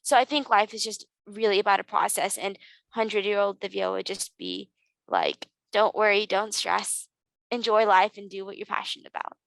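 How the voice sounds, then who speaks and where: A woman's voice: mid-range voice, expressive, moderate pace, gravelly, fairly bright tone, dry recording, low-quality recording. A teenage girl speaking earnestly and reflectively as a podcast guest, with frequent ums. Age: teens. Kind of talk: podcast interview.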